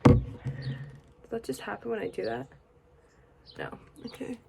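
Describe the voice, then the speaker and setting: A young woman chatting casually while getting ready, sleepy and rambling, sometimes dropping to a soft murmur. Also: mid-range voice, very animated, measured pace, gravelly, heavy background noise. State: sleepy, yawning. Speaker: beauty vlogger. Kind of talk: casual get-ready-with-me chat.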